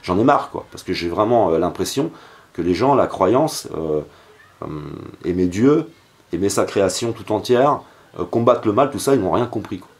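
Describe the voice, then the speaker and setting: A man with a fairly low voice speaks straight to his audience in an earnest, pleading monologue. He stumbles often, filling gaps with hesitations and starting sentences over as he presses his point. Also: lively intonation, normal speed. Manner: hesitant, frequent fillers and restarts. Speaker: video channel host. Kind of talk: direct-to-camera monologue.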